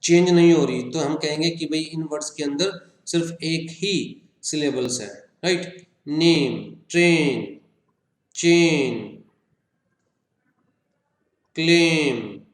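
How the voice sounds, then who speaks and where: A man with an Indian accent teaching an exam-prep lesson, drawing out example words slowly and checking in with listeners. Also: a little high, reverberant. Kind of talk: exam-prep lecture in Hindi-English mix.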